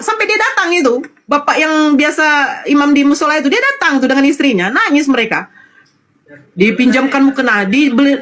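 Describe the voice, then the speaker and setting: Middle-aged woman from North Sumatra, high-pitched, emotional testimony, repeats herself, acts out dialogue. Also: fairly bright tone. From North Sumatra, Indonesia. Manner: storytelling, acting out quoted dialogue, repetitive phrasing. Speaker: interview guest.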